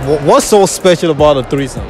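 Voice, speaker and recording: A man's voice: on the high side, animated, a little fast, a loud crowd. Young male street interviewer, teasing, probing delivery, mall setting with music in the background. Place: indoor shopping mall. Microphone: handheld mic.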